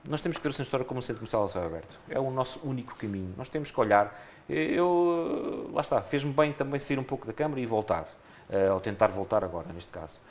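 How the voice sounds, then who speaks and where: A man's voice: medium pitch, lively intonation, fast talker. A man with a European Portuguese accent, a candidate in a local election, answering radio interview questions earnestly and often restarting his phrases.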